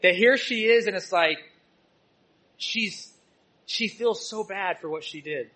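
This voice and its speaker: A male church teacher preaching a sermon, telling personal stories and swinging between loud exhortation and soft asides. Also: sits high, slow, rough recording.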